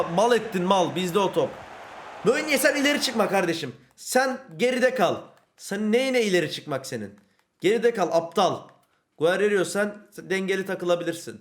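Excitable high-voiced man commentating his game. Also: slight background noise. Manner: shouts and scolds players, swings between yelling and muttering. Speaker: gaming YouTuber. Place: a room at home, recording at night.

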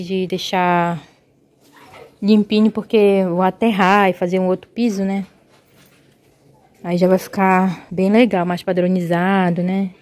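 A woman from Belém with a Paraense accent, chatting casually to her viewers in a home vlog, lively and quick to exclaim, filmed on a handheld phone around her yard and rooftop. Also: mid-range voice. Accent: Paraense Brazilian Portuguese. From Belém, Pará, Brazil. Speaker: vlogger.

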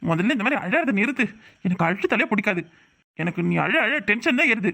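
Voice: medium pitch, big pitch swings, a little fast, creaky, bright, forceful tone, full character voice. A performer with a Tirunelveli Tamil accent voicing an irritable young husband who grumbles and scolds his wife in a cartoon. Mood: scolding. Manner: nagging, complaining rants. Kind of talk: cartoon voice acting.

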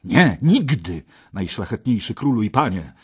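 A man's voice: mid-range voice, moderate pace, darkish tone, husky, voice pushed up, lightly acted. A man voicing an earnest young knight who pleads with his king in an audiobook. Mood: impassioned. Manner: pleading, impassioned.

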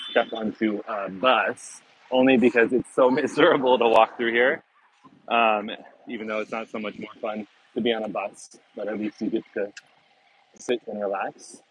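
A man narrates a casual walking tour outdoors, filming on a handheld camera as he goes. His voice sits a bit low, and he wanders through his thoughts in a loose, chatty way with plenty of fillers. The sound is close and dry. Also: a bit bright, dry recording, low-quality recording. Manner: rambling and chatty, with many fillers and restarts. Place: outdoors on city streets and in a garden. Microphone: handheld phone camera, speaker off screen.

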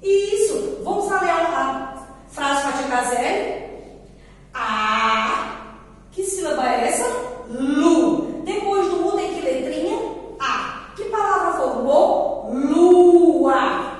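A Brazilian woman with a high voice coaxes preschoolers through a lesson in slow, sing-song phrases. She asks little questions and answers them herself. Her voice rings through a very echoey room with a long tail, picked up from away from the mic. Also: animated, recorded from a distance. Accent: Brazilian Portuguese. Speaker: preschool teacher. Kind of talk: recorded remote lesson for young children.

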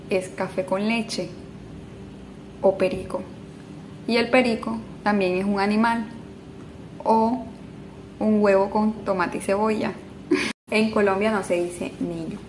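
Woman vlogger, mid-pitched, casual and playful, rhythmic explainer delivery, faint background noise. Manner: playful, rhythmic contrasting of everyday sayings. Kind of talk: casual spoken explainer of slang.

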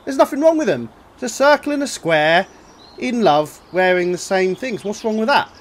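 A man commentating his own playthrough of a game in an animated, joking, self-mocking way, full of exclamations. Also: high voice, normal speed. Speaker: gaming video host. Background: game music.

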